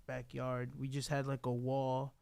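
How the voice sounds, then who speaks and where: Male podcast host, gravelly and smooth, mellow tone, emphatic rambling delivery. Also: mid-range voice, monotone, measured pace, dry recording. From Dominican Republic. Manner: rambling, emphatic, many fillers. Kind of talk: casual interview chat.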